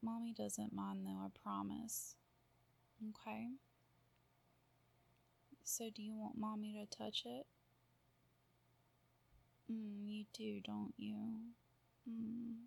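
In an intimate audio roleplay, a woman performer uses a soft, cooing half-whisper with drawn-out murmurs. Her mid-range voice is creaky and her delivery flat.

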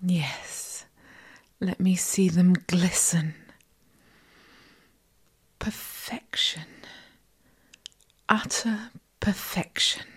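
A woman performing a whispered intimate audio roleplay for the listener, coaxing and giving gentle commands. She whispers breathily into a close microphone. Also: fairly low pitch, slightly rough. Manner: slow, soft, coaxing and commanding.

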